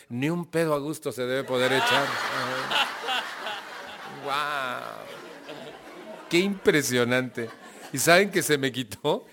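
Mexican guy telling his story to a group, acts out the dialogue, keeps asking the crowd, mid pitch. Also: slight background noise. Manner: animated storytelling, acting out dialogue, asking the audience questions. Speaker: speaker sharing his recovery story. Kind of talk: testimonial talk to a live group.

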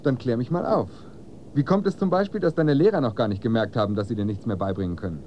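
A man's voice: mid-range voice, fast, dull audio, a little hiss or hum, natural voice. An actor playing a tired, stern middle-aged father and doctor in a radio play, firm and sarcastic.

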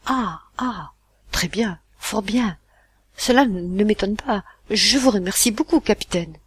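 Reader doing a nervous stammery dad, strained and halting, husky. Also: mid-range voice, level tone, fairly bright tone, full character voice. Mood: shaken. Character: shaken timid father, middle-aged man, stammering.

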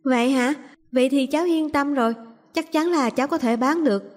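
A woman's voice: sits high, a little fast, voice pushed up, natural voice. A woman voicing a sweet but cunning little girl in a storybook reading, with a pleading childlike manner. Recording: long reverb.

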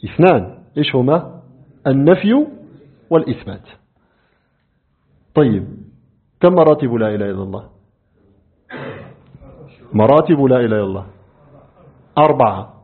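A man leads a classroom lesson on creed with a husky, breathy voice that swings animatedly in pitch. He keeps firing questions at his students and repeats key points. The sound is thin and phone-like. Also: animated, normal speed, pauses often. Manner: quizzes students often, calls them by name. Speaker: religious teacher.

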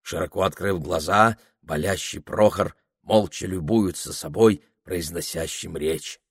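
Slow, low-voiced male storyteller. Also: husky, dry recording, clean studio sound. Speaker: audiobook narrator. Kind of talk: dramatic literary narration.

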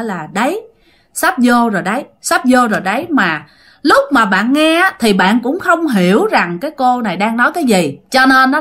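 Southern Vietnamese woman telling ghost stories. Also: fairly high pitch. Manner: unhurried, many drawn-out fillers. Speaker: storyteller. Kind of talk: ghost story narration.

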